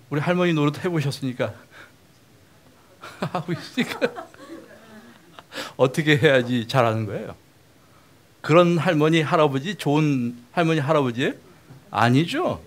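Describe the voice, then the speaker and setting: Questioning male pastor's lecture sermon. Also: high voice. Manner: conversational, asks the congregation questions.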